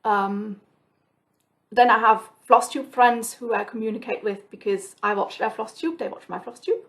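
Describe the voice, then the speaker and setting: A Swiss flosstube host whose first language is Swiss German chats casually to the camera, alone at home, in a slightly high, fairly bright voice at a moderate pace. She's chatty and reflective, rambling with plenty of ums and restarts.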